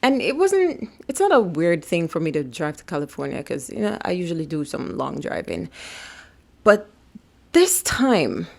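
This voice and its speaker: Speaking at a moderate pace, this young female vlogger has a fairly low, creaky voice with a sing-song lilt. Her casual self-help talk to camera is emphatic and full of repetition, and she slips into a whisper whenever she speaks as the body.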